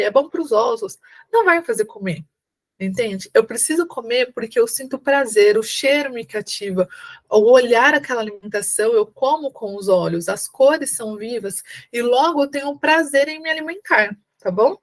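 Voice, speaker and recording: A woman from Brazil with a São Paulo accent gives an exam-prep lesson, her voice pitched a little high. She explains patiently and keeps checking that her students follow along. Now and then she acts out warm, coaxing phrases, as if speaking to a small child at the table. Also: lively intonation, moderate pace. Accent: São Paulo Brazilian Portuguese. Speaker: teacher preparing candidates for an exam. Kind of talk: online lecture.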